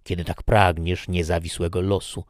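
A man's voice: low-pitched, level tone, normal speed, no room sound, clean studio sound, lightly acted. A man voicing a jealous, anxious middle-aged marquis in an earnest, restrained way.

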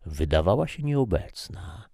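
A man's voice: low-pitched, sing-song, unhurried, warm tone, no room sound, studio quality. A man reading a short story aloud as narrator, telling it expressively.

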